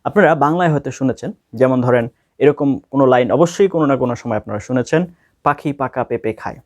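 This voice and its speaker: A man's voice: medium pitch, a little mellow, dry recording, clean studio sound. A man with a Bangladeshi accent teaching an English speaking lesson, explaining step by step and repeating key words for stress. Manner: reads practice lines very slowly and carefully. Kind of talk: spoken language lesson.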